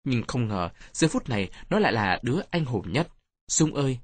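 Husky male storyteller with lively pitch. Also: a little fast, no room sound. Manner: expressive reading with changing voices. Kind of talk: audiobook narration of a first-person story.

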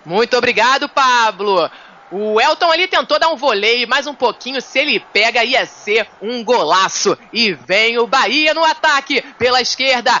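A woman's voice: on the high side, lively intonation, moderate pace, bright, forceful tone, slight background noise. A Brazilian woman calling a football match play by play in live radio commentary. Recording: dull lo-fi radio feed, faint music.

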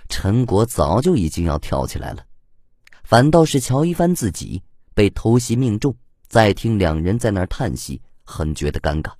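Male audiobook narrator, lively up-and-down delivery, dry close mic. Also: on the low side, no room sound. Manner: expressive storytelling. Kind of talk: scripted narration.

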